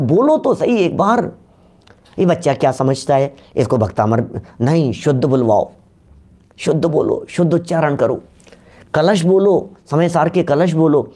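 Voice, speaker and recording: A man giving a Jain religious discourse in Hindi, questioning his listeners and reciting scripture slowly. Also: fairly high pitch, dark tone.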